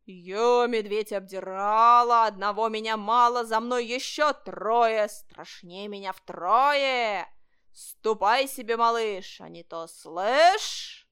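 A woman voicing a menacing bear in a storybook reading, chanting its threats slowly and loudly. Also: smooth. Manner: slow, booming, sing-song threats. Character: fake bear, loud menacing storybook beast.

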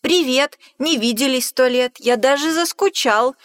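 A woman voicing a small, clever, boastful male mouse in a squeaky voice for a storybook reading. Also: slow pace. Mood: cheeky. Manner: bold, cocky, high excited cries. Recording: long hall reverb.

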